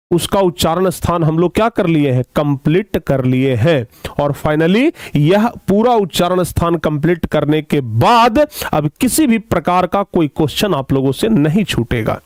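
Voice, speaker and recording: A man with a high voice teaches children a grammar lesson, going over each key term again and again. The sound is dry and close, with no room echo. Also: darkish tone. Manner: repeats key terms slowly, calls pupils "dear children".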